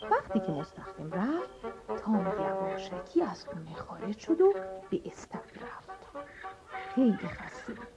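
Woman, children's story narration, expressive, lively pitch, lo-fi sound, music behind. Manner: animated, expressive. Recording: dull lo-fi audio with music.

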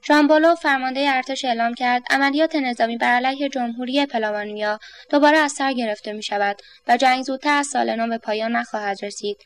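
Storybook: poised, deadpan lady newsreader, voiced by a woman, high and dry. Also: no echo. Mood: flat newsreading. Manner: cool and unemotional. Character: calm, poised female TV newsreader.

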